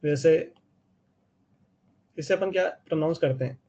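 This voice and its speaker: A math teacher with an Indian accent leads an online live geometry class in a fairly high male voice with a dark tone. He moves at a moderate pace, explains step by step and checks in with his students, though the audio sounds dull.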